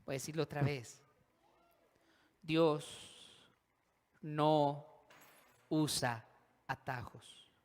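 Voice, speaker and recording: A man's voice: on the high side, steady tone, drawn-out words, pauses often, darkish tone. A male pastor preaching a sermon, acting out voices of the characters and leading call-and-response with the congregation. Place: church hall. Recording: long hall reverb.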